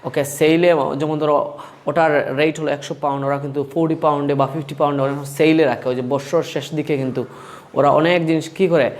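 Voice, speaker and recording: A man with a Bangladeshi accent giving a casual video lesson as an English teacher. He switches between two languages mid-sentence, keeps asking "okay?", calls the listener "my friend", and slowly repeats each word pair. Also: a little high, level tone.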